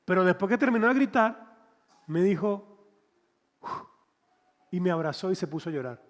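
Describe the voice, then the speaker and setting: Pastor, animated sermon. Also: male voice, sits high, a little fast, long reverb tail. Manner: animated, conversational, acts out quotes.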